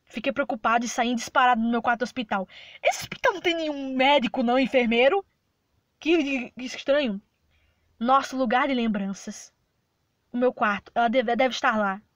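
A woman reading aloud the narration of a confused young man with lost memories, in a plain, even reading voice. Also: on the high side, moderate pace, no room sound, dull audio, close to an everyday voice. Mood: uneasy.

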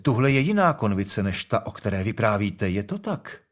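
A man playing a calm young investigator. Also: on the low side. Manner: measured, persistent questioning.

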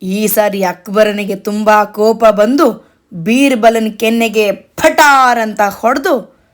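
Slow-paced woman telling a bedtime story. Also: on the high side. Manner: chatty, addresses listeners directly. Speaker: children's storyteller.

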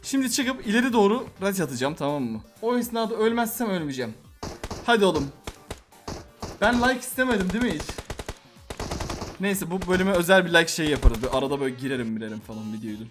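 A man giving gameplay commentary on a mobile shooter, excitable and prone to frustrated yelling. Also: sits high, fast, over music. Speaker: gaming YouTuber.

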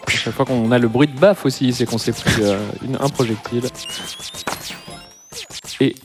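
A man calls a live speedrun, laying out how the game works in plain steps with a dry joke now and then. His voice sits at an ordinary middle pitch. Soft music plays faintly underneath. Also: fairly even intonation, moderate pace. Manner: explains game rules with dry jokes. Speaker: speedrun commentator.

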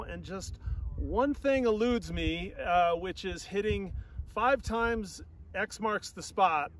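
A man's voice: high voice, recorded from a distance, a little hiss or hum, poor audio. A man in his forties, an upbeat vlog host and paraglider pilot, talking to a harness-mounted action camera in an open field. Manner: upbeat, enthusiastic, shouting to ground crew during launch. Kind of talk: casual outdoor vlog. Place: open grassy field outdoors.

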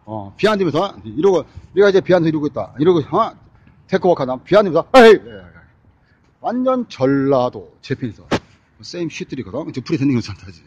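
Rambling, high-voiced man on a city street. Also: sing-song, quick pace, darkish tone, husky, dull audio. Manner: rambling and repetitive, peppered with English phrases and grunted fillers. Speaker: vlogger. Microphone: phone camera.

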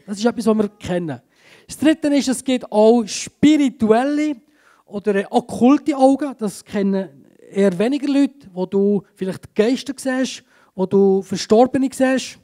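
A man with a Swiss German accent preaching a sermon in church, swinging between urgent emphasis and a hushed tone. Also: very high-pitched, measured pace. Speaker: pastor. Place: church service.

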